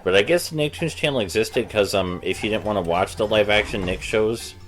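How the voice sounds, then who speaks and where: Deep voiced guy doing a lets play, rambly and casual, game music behind. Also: brisk. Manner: rambling, hesitant. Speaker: Let's Play host. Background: video game music.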